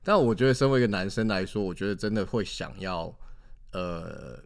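Hesitant Taiwanese man, low-pitched voice. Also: moderate pace, vocal fry. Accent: Taiwanese Mandarin. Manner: hesitant, repeats words while searching for them. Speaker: podcast co-host. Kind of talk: casual chat.

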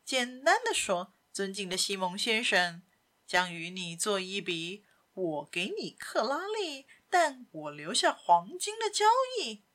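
A woman voicing a suave gentleman thief in a storybook reading, speaking with cool sarcasm. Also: fairly high pitch, big pitch swings, slow, exaggerated voice. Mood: mocking. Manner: sarcastic, coolly teasing. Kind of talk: audiobook character voice.

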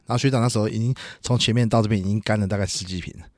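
A young man with a Taiwanese Mandarin accent tells a story at a rapid clip in a fairly low voice. He is animated and laughs often, acting out the people in his tale. His voice is close and dry on a studio mic. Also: no echo. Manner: animated, laughing storyteller who acts out quotes. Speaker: podcast host. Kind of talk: casual storytelling chat. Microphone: studio microphone.

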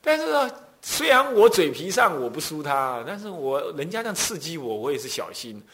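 A middle-aged male Buddhist abbot with a Taiwanese Mandarin accent, giving a dharma talk as animated storytelling. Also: fairly high pitch, fairly quick. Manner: animated storytelling, acts out quoted voices.

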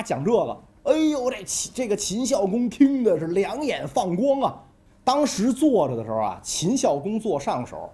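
A storyteller spinning ancient history as a comic tale, chatty and full of asides. The pitch swings widely, keeping the telling lively. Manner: chatty, colloquial asides, frequent "right?".

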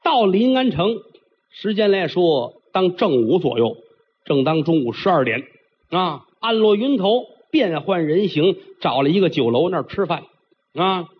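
A male storyteller tells a traditional tale in a theatrical, chatty way. His voice is high and swoops widely, with a husky grain. It comes through a dull, lo-fi recording. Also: unhurried. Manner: animated, theatrical, chatty asides.

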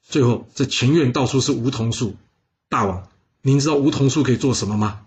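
A man voicing a doomed male court fortune-teller who speaks low, hushed and resigned. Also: fairly quick, lightly acted. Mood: solemn.

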